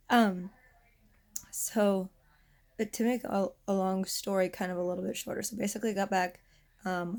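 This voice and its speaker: Hoarse girl venting on camera lying down, kinda rambly, mellow fry-ish voice. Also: medium pitch. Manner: lying down, rambling with many restarts. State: losing her voice, hoarse. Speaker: vlogger. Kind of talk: casual vent vlog.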